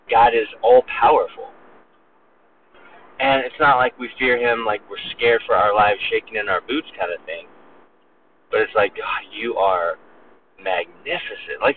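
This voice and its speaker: A pastor giving an earnest, emphatic sermon on a psalm, slowing down to stress key words. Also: male voice, on the low side. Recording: distant phone-like recording with faint noise.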